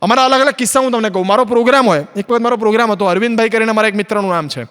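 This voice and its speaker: A man does stand-up comedy in a large auditorium, where his clean, fairly bright voice rings out with a long hall echo. He talks quickly, sitting high in his range, and acts out both sides of the dialogues in his stories, switching between himself and the other people in them.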